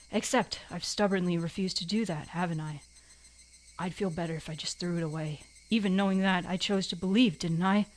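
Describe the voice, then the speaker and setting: A woman's voice: lowish voice, close to an everyday voice, low-quality recording. A woman voicing an anguished teenage anime boy, reading visual novel narration dramatically in an anime boy voice.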